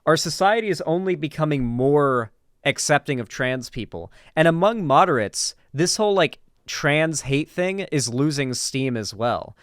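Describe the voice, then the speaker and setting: A political commentary streamer from Florida, this American-accented man gives casual, opinionated reaction commentary, emphatic and informal. His medium-pitched voice is clear and resonant, captured as clean studio sound with no echo.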